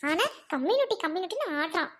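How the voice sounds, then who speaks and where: A woman acting as a sharp-tongued angry young sister, speaking with scolding contempt in a short drama. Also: very high-pitched, lively intonation, quick pace.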